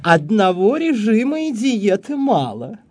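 A man voicing a decisive woman who runs a beauty institute, speaking slowly in a storybook reading. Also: sits high, sing-song, dry recording, voice pushed up, heavily acted.

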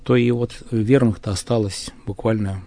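A man in a religious discussion, speaking haltingly with many fillers and restarts. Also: lowish voice, steady tone, creaky, warm tone.

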